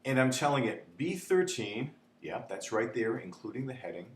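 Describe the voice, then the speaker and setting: A male instructor walks through a spreadsheet lesson in a chatty, theatrical way. His voice sits at an ordinary pitch. It is recorded in a noticeably echoey room with a faint hum behind it. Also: animated, normal speed. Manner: chatty, repeats "okay?", dramatizes panic. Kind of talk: spreadsheet tutorial.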